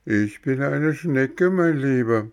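A man voicing a calm, unhurried female snail in a storybook reading, speaking in a placid, drawn-out way. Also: medium pitch, clean tone, highs cut off, pitched above the performer's own voice.

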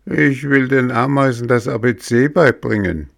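A man's voice: mid-range voice, a little slow, gravelly, dry recording, studio quality, voice pushed up. A man voicing a joking older male carpenter in a storybook reading. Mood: teasing.

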